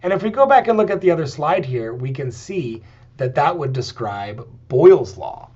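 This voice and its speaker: A man's voice: fairly high pitch, very animated, moderate pace, darkish tone, husky. A man lecturing on chemistry and working through slides, explaining step by step with frequent "okay" and "um" check-ins. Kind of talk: recorded lecture, writing on slides. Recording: dull lo-fi lecture recording.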